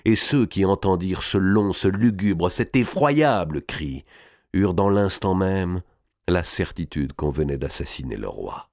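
Low-voiced man narrating, lively delivery. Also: no room sound, studio quality. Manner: dramatic, measured narration. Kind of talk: audiobook reading of a historical novel.

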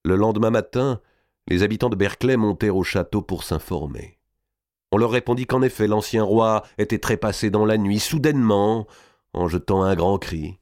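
A man reading a historical novel aloud in a dramatic, measured narration. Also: on the low side, a little mellow, no room sound, studio quality.

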